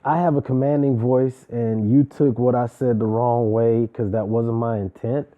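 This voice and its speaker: Steady in tone, this man talks at normal speed in a mid-range voice while giving his casual take on a reality show. He's slangy and emphatic, adds preachy asides, and sounds tinny, as if on a phone.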